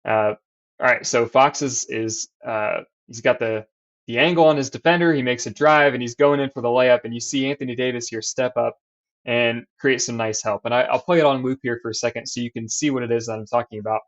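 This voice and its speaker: This coach's mid-range voice is steady, fairly quick and a bit bright as he breaks down defense over clips and diagrams. He explains, restarts and drops fillers while marking things on screen, captured in slightly dull lo-fi audio.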